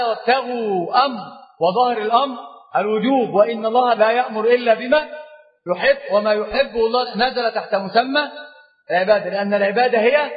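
A man with an Egyptian accent teaching a religious class, questioning his students and mixing formal Arabic with colloquial asides. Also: high-pitched. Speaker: Islamic scholar teaching a class. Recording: reverberant hall, dull lo-fi sound.

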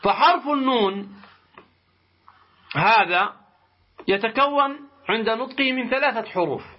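A man teaching a tajweed lesson, explaining slowly and deliberately, pausing to pose rhetorical questions to his students. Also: very high-pitched, animated. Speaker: Quran recitation teacher. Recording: muffled lo-fi recording.

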